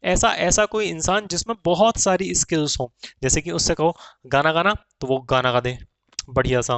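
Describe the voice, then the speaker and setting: Man teaching vocabulary, smooth voice. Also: on the high side, a bit bright, no room sound. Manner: addresses viewers as children, checks with rhetorical questions, reads English slowly. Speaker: English teacher. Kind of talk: exam vocabulary lesson.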